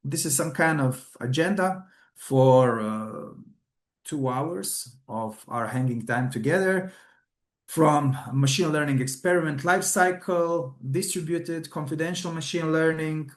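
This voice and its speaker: Man, english, webinar lecture, hesitant fillers, roomy echo. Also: medium pitch. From Croatia. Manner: hesitant, many fillers and restarts. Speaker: trainer.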